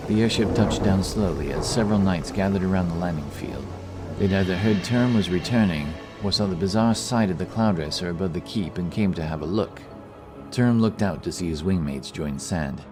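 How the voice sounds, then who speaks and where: A fantasy audiobook is narrated by a man with a low voice, delivered as scripted storytelling at normal speed. Music plays plainly in the background.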